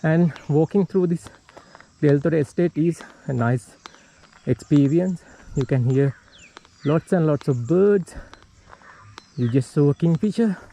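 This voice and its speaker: A man's voice: a little high, unhurried, creaky, pauses often, warm tone, rough recording. A Sri Lankan man narrating his hike on a tea estate trail to an action camera, a bit out of breath as he walks uphill. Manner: walking uphill while talking, slightly winded. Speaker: hiking vlogger.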